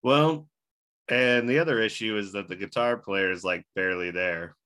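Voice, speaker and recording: A man's voice: fairly low pitch, normal speed, bright, forceful tone. A man hosting a podcast in a loose, rambling casual chat, with a bad case of the hiccups. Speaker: podcast host.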